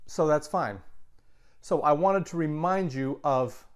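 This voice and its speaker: Slow-talking man teaching grammar. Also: on the high side, smooth. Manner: slow, patient explaining with self-corrections and asides. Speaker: Latin teacher. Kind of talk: recorded grammar lesson.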